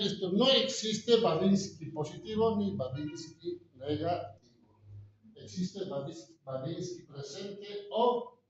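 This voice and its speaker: A man's voice: high-pitched, slight background noise. A man giving a classroom lecture, often asking the students rhetorical questions. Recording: echoey, distant, dull room recording.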